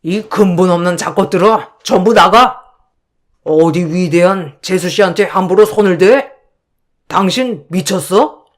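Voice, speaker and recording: A woman's voice: lowish voice, measured pace. In a storybook reading, a woman plays a middle-aged brother-in-law who barks commands and scolds. He sounds bossy and blustering, yet close to the teller's own voice. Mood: scolding.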